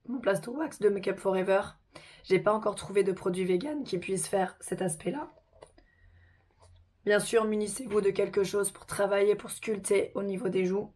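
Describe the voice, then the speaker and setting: A woman hosting a casual makeup tutorial, chatty and informal, her voice hoarse from a sore throat. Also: mid-range voice, darkish tone.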